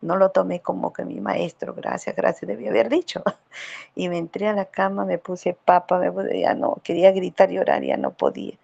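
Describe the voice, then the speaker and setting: Brief: woman, gravelly voice, halting testimony over a dull lo-fi call line. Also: lowish voice, fairly even intonation, a little mellow. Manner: hesitant, full of fillers, acting out remembered dialogue. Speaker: participant in a weekly spiritual group meeting. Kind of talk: personal testimony in casual group chat.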